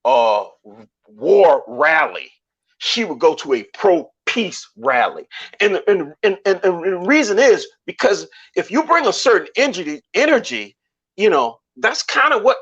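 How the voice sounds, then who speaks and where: A show host raised in Savannah, Georgia, speaks with a Southern accent in a casual, preachy motivational talk full of restarts. His voice is high-pitched and a bit bright, and the audio is dull lo-fi.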